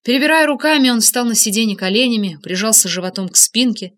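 A woman reading an adventure audiobook aloud in the first person, with steady and expressive delivery. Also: mid-range voice, a little fast. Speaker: audiobook narrator. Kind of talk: scripted first-person narration.

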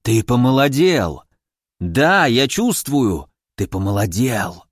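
A man voicing a grumpy, tiny, ancient hermit who speaks slowly and gruffly and barks demands, in a dry storybook reading. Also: medium pitch, sing-song, no room sound. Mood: excited.

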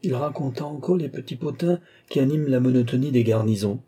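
A man narrating a short story in a measured storytelling manner. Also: medium pitch, dark tone, breathy edge.

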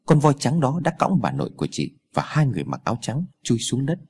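A man narrating a ghost story in an expressive, dramatic way. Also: mid-range voice, breathy edge.

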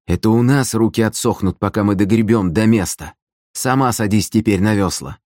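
A man's voice: on the low side, normal speed, a little mellow, no echo, studio quality, pitched above the performer's own voice, close to an everyday voice. A man voicing a stern, curt mercenary man in an audiobook, grim and cold. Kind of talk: audiobook character voice.

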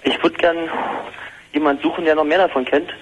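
A man calling a radio show, speaking haltingly. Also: on the high side, fairly even intonation. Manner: halting, searching for words. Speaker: caller. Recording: muffled phone line with noise.

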